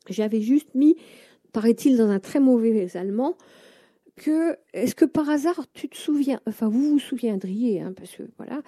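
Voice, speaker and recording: An older French woman tells a personal story, pausing often on fillers and then picking up again with animation. Her voice sits a little high but sounds very dark and mellow. The recording is close and dry. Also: dry recording. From France. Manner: hesitant, animated anecdote-telling with many fillers. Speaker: interview guest.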